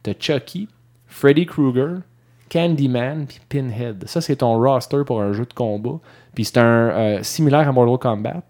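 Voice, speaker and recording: A man's voice: mid-range voice, a little mellow. A man with a Quebec French accent co-hosting a casual podcast chat, teasing his partner and rattling off game titles. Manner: teasing, lists titles fast. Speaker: podcast co-host.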